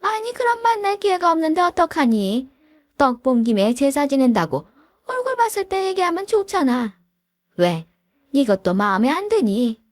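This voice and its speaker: A domineering older mother-in-law who nags and sneers, as a woman reading a story puts her on. Her pitch is raised and swings freely in a scornful singsong. The voice is dry and close. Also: very animated, normal speed, dry recording. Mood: nagging. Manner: scornful, nagging.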